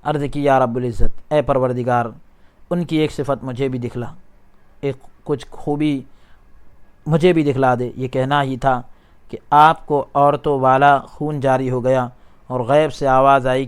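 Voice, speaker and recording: A man teaching a religious lesson. He reads a passage aloud, then restates each phrase in simpler words, and gets louder at emphatic points. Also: medium pitch, clear, resonant tone. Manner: rises in loudness at emphatic points. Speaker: Islamic scholar teaching a class. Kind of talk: religious lesson, reading a text aloud and explaining it.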